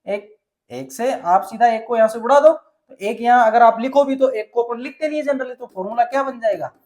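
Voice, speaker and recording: A male science teacher from Rajasthan explains a chemistry lesson step by step, often posing a question and then answering it himself. He speaks a little fast in a very high-pitched, slightly mellow voice.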